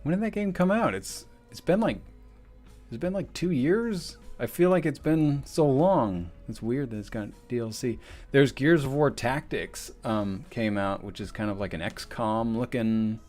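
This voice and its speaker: Young male streamer, casual and profane, slow unhurried delivery. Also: mid-range voice, expressive, a little mellow, soft background music. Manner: rambling, casual, swears often. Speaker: livestreamer and animator. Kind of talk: casual livestream commentary.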